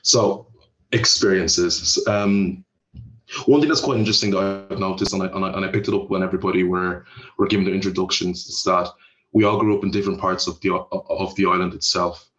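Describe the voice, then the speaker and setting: A man chairing a panel discussion in a relaxed, chatty way with many fillers, on a video call. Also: low voice, brisk, roomy sound, highs cut off.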